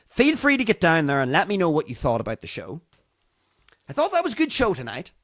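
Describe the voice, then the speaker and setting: A man with a Northern Irish accent talks casually to his livestream audience as host. His voice sits fairly high and swings widely in pitch. He is theatrical, repeating phrases for emphasis, and the sound is close and dry. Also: wildly swooping pitch, fairly quick, fairly bright tone, dry recording. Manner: theatrical, emphatic repetition for effect. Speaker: livestream talk show host. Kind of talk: casual monologue to live stream audience.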